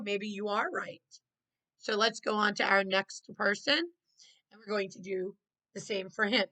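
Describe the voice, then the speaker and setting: A woman's voice: mid-range voice, sharp tone, low-quality recording. A woman art teacher leading children through a step-by-step drawing lesson, encouraging them with praise and prompts.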